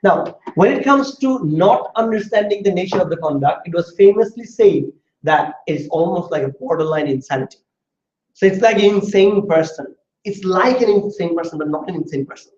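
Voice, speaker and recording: A law tutor lectures his classroom, working through the material step by step and questioning his students. His high-pitched voice is expressive, quick, and somewhat dark in tone, captured in roomy, dull lo-fi classroom audio.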